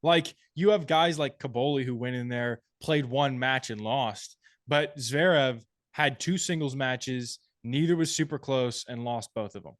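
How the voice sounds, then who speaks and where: A man's voice: mid-range voice, fairly bright tone, no room sound. Dry-sounding male podcast co-host. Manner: thinks aloud, restarts phrases, measured opinions. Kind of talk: casual sports chat.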